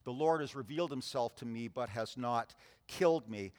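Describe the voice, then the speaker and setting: A man preaching a sermon, reading scripture aloud and retelling it with lively, acted-out voices. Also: medium pitch, moderate pace, big-room sound. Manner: animated storytelling, acts out voices in the scripture reading.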